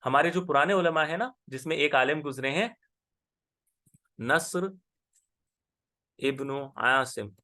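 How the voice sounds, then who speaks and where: A man with a somewhat high voice teaches a class. He explains patiently and keeps pausing to check that the student is following. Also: pushed and bright. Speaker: Arabic grammar teacher. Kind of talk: online class lesson.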